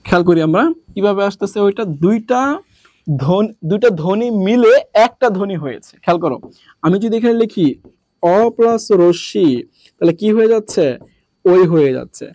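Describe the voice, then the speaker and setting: Male tutor from Bangladesh, high pitch, dry close sound, repeats questions and answers them himself. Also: expressive, normal speed, warm tone, no echo. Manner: repetitive, drilling. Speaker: teacher. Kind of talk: classroom lesson.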